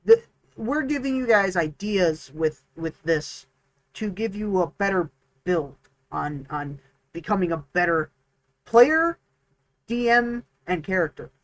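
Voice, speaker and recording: Casting: high-pitched man, podcast co-host, halting and rambling, dry close mic. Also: animated, a bit bright, dry recording, poor audio. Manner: rambling, halting, with many restarts and fillers. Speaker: podcast co-host, dungeon master. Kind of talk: casual chat.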